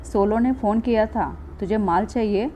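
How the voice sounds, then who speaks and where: A woman's voice: mid-range voice, moderate pace, mellow, a little hiss or hum, close to an everyday voice. A woman reading the lines of an offhand male street drug seller in a story, in her own voice.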